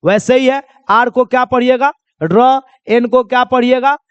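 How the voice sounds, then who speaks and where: A man's voice: extremely high pitch, fairly even intonation, clear, resonant tone, no echo, dull audio. A male pronunciation teacher giving a lesson, asking a question and then answering it himself, and repeating key points. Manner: spells words out slowly. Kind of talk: classroom lesson.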